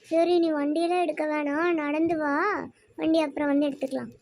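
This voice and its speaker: A humble, kind-hearted poor schoolgirl in a church kids' skit. She talks gently and pleadingly in a high voice with a dry, close sound. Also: fairly even intonation, fairly quick, dry recording.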